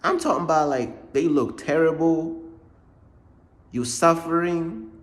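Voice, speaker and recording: Slow-talking slangy young man from Uganda. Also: fairly high pitch, expressive. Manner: slangy, rambling, repeats "bruh" and "bro". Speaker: faith vlogger. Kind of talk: casual storytime vlog.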